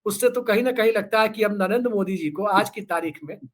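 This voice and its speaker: A man with a notably high-pitched voice talks as a guest commentator in a casual political discussion. He is sarcastic and joking, drifting into storytelling asides to make his points. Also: fairly quick.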